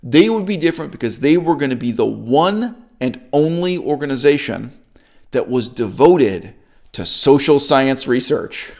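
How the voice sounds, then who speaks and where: Male commentator, gravelly and emphatic, sarcastic opinion monologue. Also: a little slow. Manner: sarcastic, emphatic, lively swings of pitch. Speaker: YouTube commentator.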